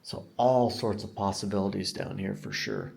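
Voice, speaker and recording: A man's voice: lowish voice, steady tone, normal speed, gravelly, darkish tone. Enthusiastic American male real estate agent. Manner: enthusiastic sales talk, emphasising features. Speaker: real estate agent giving a home tour. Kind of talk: casual walk-through tour narration to viewers. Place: inside a house, walking room to room.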